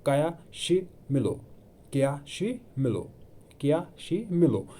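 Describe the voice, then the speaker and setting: In this online video history lecture, a male exam-prep coach speaks slowly in a slightly high, dark-toned voice, very animated throughout. Mixing Hindi with English terminology, he poses his own questions, answers them, and keeps repeating important terms.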